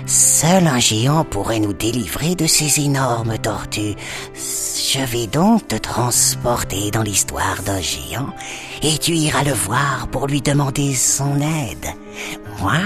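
A woman voicing a wise, kindly old female snake who speaks slowly and thoughtfully in a children's story. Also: rumbling low, full character voice. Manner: slow, thoughtful, gently scolding. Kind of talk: storybook acting.

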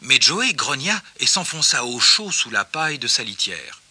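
A man reading a children's story aloud with expressive narration. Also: mid-range voice, normal speed, husky, dry recording. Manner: expressive, gently paced narration.

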